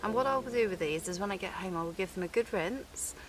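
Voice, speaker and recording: Speaking a little fast in a mid-range voice, a thirties-aged forager chats eagerly to camera while vlogging in the woods, often giggling. The recording is low quality, with slight background noise.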